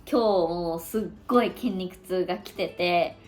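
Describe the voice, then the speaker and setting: A woman's voice: on the low side, unhurried. A woman in her twenties, an online language teacher, chatting casually through her day in a vlog, thinking aloud and stretching out her words. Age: 20s.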